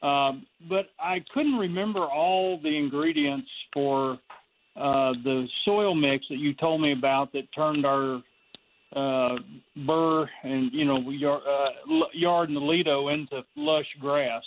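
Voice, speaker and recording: A man's voice: fairly high pitch, lively intonation, takes it slowly, vocal fry. A man calling in to a radio show over the phone, chatting in a friendly, rambling way. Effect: heard over the phone. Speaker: radio call-in caller. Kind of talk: casual chat. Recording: tinny phone line with faint hiss.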